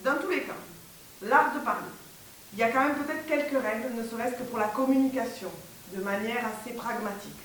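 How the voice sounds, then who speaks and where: Woman teacher lecturing to a class, kinda high voice, echoey hall, picked up from far off with faint hiss. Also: brisk. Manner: animated, corrects pronunciation, asks the audience questions. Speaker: French teacher giving a lecture.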